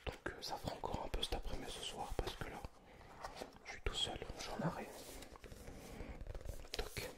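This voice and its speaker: Man in a hushed library whisper. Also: moderate pace, long pauses. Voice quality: breathy, unvoiced whisper. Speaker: ASMR video creator. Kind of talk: whispered ASMR book chat.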